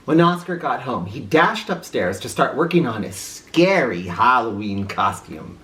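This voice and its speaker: A woman reading a children's story aloud in a theatrical, expressive way, with an informal touch. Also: extremely low pitch, measured pace, slight background noise. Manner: theatrical, with informal asides to listeners.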